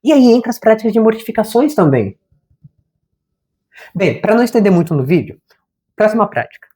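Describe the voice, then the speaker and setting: A man's voice: high-pitched, big pitch swings, fairly quick, dark tone. A man, a therapist and channel host, giving an informal spiritual talk to camera in a slangy, conversational way. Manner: informal and conversational, slangy, says "cara" often.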